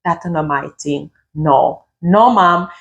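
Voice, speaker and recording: A middle-aged Jamaican woman talking to her camera in a lively, chatty way, dropping patois phrases in among standard speech. Her voice sits a little low for a woman. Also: slow pace, highs cut off. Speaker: vlogger. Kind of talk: casual talk to camera.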